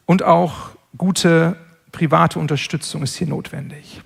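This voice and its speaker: High-voiced, gravelly man lecturing earnestly. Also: steady tone, fairly bright tone. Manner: measured, earnest, with frequent word repetitions. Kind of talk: spoken lecture.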